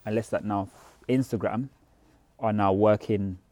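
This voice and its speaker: A man's voice: on the low side, fairly even intonation, a little slow, darkish tone, dry recording. A man, co-hosting a podcast in casual chat, talking things through at length. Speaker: podcast co-host.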